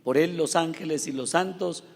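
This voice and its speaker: Solemn priest with cathedral echo. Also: male voice, a little high, vocal fry. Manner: solemn, measured recitation. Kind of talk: chanted liturgical prayer at Mass. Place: large church. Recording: long church reverb.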